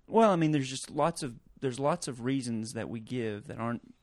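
A man co-hosting a podcast in casual chat, talking in a relaxed way with many fillers and pauses. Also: mid-range voice, no room sound. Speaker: podcast co-host.

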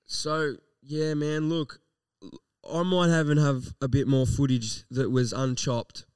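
A man's voice: medium pitch, level tone, takes it slowly, darkish tone, smooth, dry recording, distant mic. An Australian man co-hosting a casual live podcast, talking in slangy, laid-back language with plenty of swearing. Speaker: podcast co-host.

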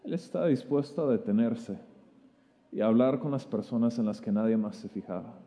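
Preacher with a dark, mellow voice. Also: male voice, medium pitch, moderate pace. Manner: animated, stammering restarts, vivid retelling. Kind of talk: sermon storytelling. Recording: long reverb of a hall.

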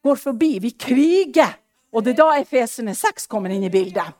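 A middle-aged woman preaches a fervent sermon in a fairly high voice. She moves between hushed, close passages and loud, rising exclamations. She acts out the prayers and conversations she retells. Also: expressive. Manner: acts out quoted prayers and dialogue.

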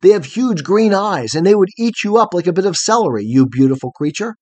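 A man's voice: sits high, lively intonation, fairly quick, darkish tone, no echo, voice pushed up. Man playing a frightened young hero. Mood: fearful. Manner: anxious, pleading.

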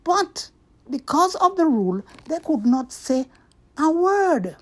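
A woman narrating a scripted story for children, with deliberate, expressive delivery. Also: sits high.

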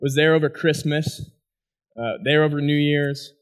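Man, slightly high voice, former athlete, testimony speech, lively storytelling. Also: moderate pace, clear, resonant tone. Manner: animated storytelling, asks the crowd "right?". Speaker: former college athlete giving a talk. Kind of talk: personal testimony speech to an audience.

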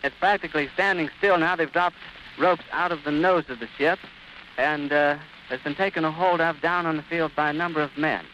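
A man's voice: fairly high pitch, fairly even intonation, fairly quick, sharp tone. A man reporting live as a radio commentator outdoors at an airfield, in a vivid, descriptive old-time announcer delivery. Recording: muffled noisy 1930s archive recording.

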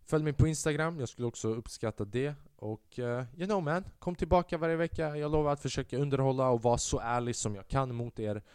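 A man hosting a solo podcast, telling a stand-up story in a casual, profane and animated way and acting out the voices he quotes. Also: mid-range voice, hardly any pauses, clean tone, no room sound. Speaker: podcast host and stand-up comedian.

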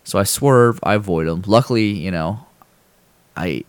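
A man with a low voice talks through a story in a loose, rambling way, full of fillers and restarts. He throws himself into the other people's lines as he tells it. The sound is dry, with no room around it. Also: normal speed, clear, resonant tone, no echo. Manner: acts out people's lines in a raised voice when telling stories. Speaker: podcast host. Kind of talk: casual chat, storytelling.

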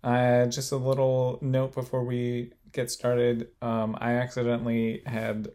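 A man giving a casual, slightly halting introduction to a recorded Bible study as one of its hosts. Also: medium pitch, monotone, warm tone.

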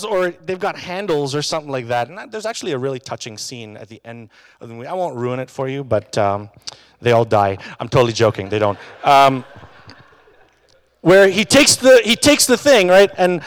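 With a fairly high, clean-toned voice, a man preaches casually as a pastor, restarting phrases and ending points with tag questions to the congregation. Long hall reverb surrounds the recording.

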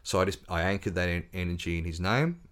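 A man's voice: low voice, quick pace. A man, an author chatting as a podcast guest and telling stories with plenty of ums and restarts. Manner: storytelling, relaxed, with fillers and restarts. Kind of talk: casual interview chat.

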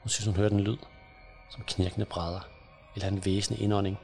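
A man narrating a scary children's story in a hushed, suspenseful way. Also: lowish voice, flat delivery, vocal fry. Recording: soft music under the voice.

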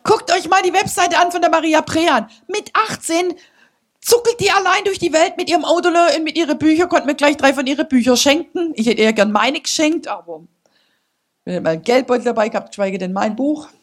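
A woman preaching a sermon to her church, passionate and building up to loud exhortation. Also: sits high, fairly quick. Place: church service.

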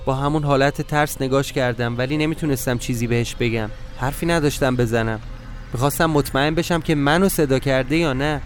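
Man calmly narrating a first-person story. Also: medium pitch, faint music behind. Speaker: podcast narrator.

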